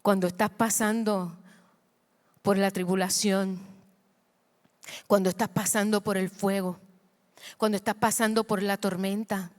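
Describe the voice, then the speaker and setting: A woman pastor preaching a sermon with passion, moving between hushed and loud passages, moved by her own words and calling the congregation to repeat after her. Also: medium pitch, little pitch movement, unhurried, long pauses, in a large hall.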